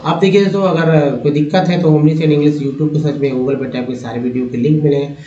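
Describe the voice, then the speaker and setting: A man's voice: on the high side, fairly even intonation, dark tone, distant mic. Man teaching phonics in a roomy echo. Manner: explains spelling patterns slowly, repeating words. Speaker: English teacher. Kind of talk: phonics lesson. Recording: dull roomy sound from off-mic.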